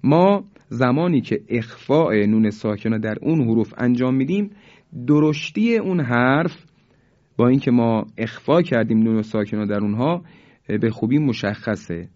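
A male teacher giving a recitation lesson, explaining quickly and then reciting each example slowly and drawn out. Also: mid-range voice, expressive, dark tone. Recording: dull lo-fi recording.

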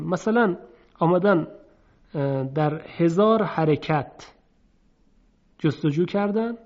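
A man's voice: on the high side, a little mellow. A man teaching a recitation lesson, patiently explaining step by step and sounding out example letters by drawing them out. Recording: dull lo-fi recording.

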